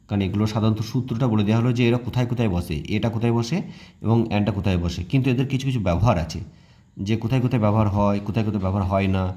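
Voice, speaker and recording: Fast-talking man teaching grammar. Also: on the low side, dark tone. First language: Bengali. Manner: explains step by step, asks and answers his own questions. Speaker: English teacher. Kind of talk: classroom-style grammar lesson.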